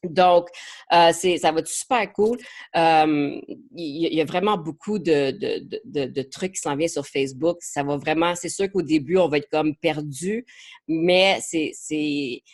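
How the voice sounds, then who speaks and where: This marketing coach's voice sits low, a little slow and a little mellow, as she runs a live online training session. With English as her first language and an English Canadian accent, she talks chattily in French, slipping in English words and often hesitating and repeating.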